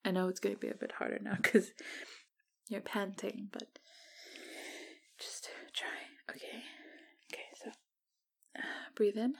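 Husky whispering woman, slow and soft. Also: medium pitch, little pitch movement. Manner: flirtatious, gentle. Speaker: roleplay researcher. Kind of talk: ASMR roleplay.

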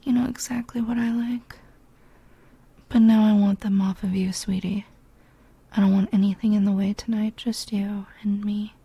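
A woman's voice: mid-range voice, little pitch movement, moderate pace, mellow, slightly rough, no room sound, dull audio. A woman performing a whispered role-play as a doting, dominant lover, speaking in an intimate, coaxing murmur.

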